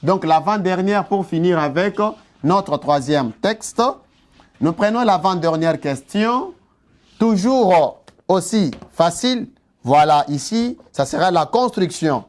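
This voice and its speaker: A man teaching an exam-prep lesson, slowly repeating key words and asking his students rhetorical questions. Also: high-pitched, animated. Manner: slow and deliberate, repeats key words, spells out terms; asks the class rhetorical questions.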